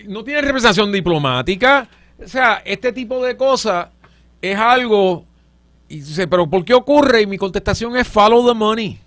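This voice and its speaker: A middle-aged man tells anecdotes on a political panel, dropping wry jokes along the way. His voice is high, and the recording is dry and close. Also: animated, moderate pace, a bit bright, no echo. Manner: storytelling, wry and joking asides.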